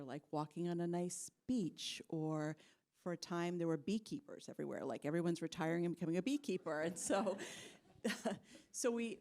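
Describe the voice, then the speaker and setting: Low, mellow-voiced woman on a panel. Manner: chatty, with fillers and light laughs. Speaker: marketing executive on a panel. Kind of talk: conversational panel answers. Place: conference stage with audience.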